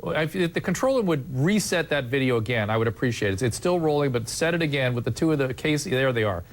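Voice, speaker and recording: Male TV host, mid-pitched, earnest, stumbles and restarts while steering a panel. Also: expressive. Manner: earnest, halting with frequent restarts. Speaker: TV talk show host. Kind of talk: broadcast panel discussion.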